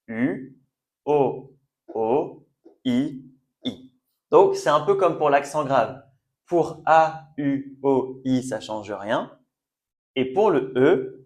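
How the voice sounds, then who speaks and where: A man giving a French language lesson, patiently repeating sounds and words and often checking that learners follow. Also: medium pitch. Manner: checks understanding with "d'accord?". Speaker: French teacher.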